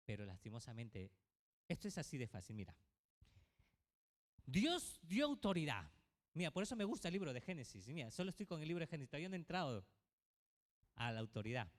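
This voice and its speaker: A male pastor preaching a sermon to his congregation, asking many rhetorical questions. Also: mid-range voice. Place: church. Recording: reverberant church hall.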